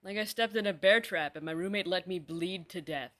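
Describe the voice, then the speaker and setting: A woman acting out comedy sketches, swearing casually and bantering in a deadpan way. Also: fairly low pitch, fairly quick. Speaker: sketch comedy creator playing all roles.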